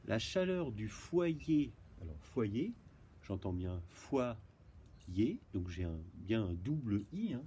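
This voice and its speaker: Patient French teacher spelling out words. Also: male voice, fairly low pitch, dark tone, slight background noise, rough recording. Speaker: primary school teacher. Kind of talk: recorded homework correction for pupils at home. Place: outdoors, windy.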